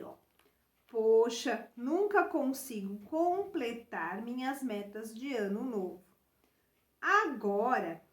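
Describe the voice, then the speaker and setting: Brazilian woman teacher, unhurried, walks kids through syllables step by step; roomy echo. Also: on the high side, a bit bright. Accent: Brazilian Portuguese. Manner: slow, patient, spells out syllables and letters; addresses children directly, many fillers like "né" and "então". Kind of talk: remote lesson walking through a workbook.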